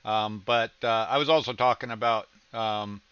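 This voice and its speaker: A man's voice: fairly low pitch, steady tone, normal speed, pushed and bright, clean tone, no echo, dull audio. A man hosting a casual livestream reaction chat, rambling with lots of ums and restarts, with a slight Southern American accent. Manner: rambling, many ums and restarts, laughs easily. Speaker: reaction streamer host.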